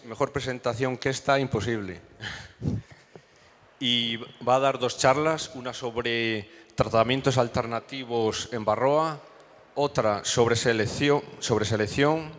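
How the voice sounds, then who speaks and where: A man opens a beekeeping event and reads the guest's biography aloud. His voice sits at a middle pitch, and he stumbles a little over the prepared text. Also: a bit bright. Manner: reads a prepared bio aloud with small slips. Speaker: event organizer introducing a speaker. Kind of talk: reading a speaker introduction.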